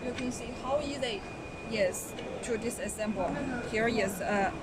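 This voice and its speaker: High-voiced woman presenter over loud background noise. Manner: polite, halting sales explanation. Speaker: product presenter. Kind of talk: live product demonstration. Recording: loud noisy trade show floor ambience.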